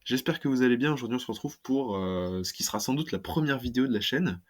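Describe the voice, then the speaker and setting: A card-collecting YouTuber chats casually about trading cards for his channel, sounding hesitant and leaning on plenty of fillers. His voice is medium-pitched, with lively intonation and a quick pace.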